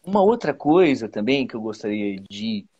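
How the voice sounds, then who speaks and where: A Brazilian man speaking as a teacher over a video call, his voice husky and a little breathy. His pitch swings up and down a lot as he talks. He stumbles and repeats words as he explains. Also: big pitch swings, darkish tone, dull audio. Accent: Brazilian Portuguese. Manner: halting, many repeated words and fillers. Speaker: teacher, guest. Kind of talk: casual explanatory advice.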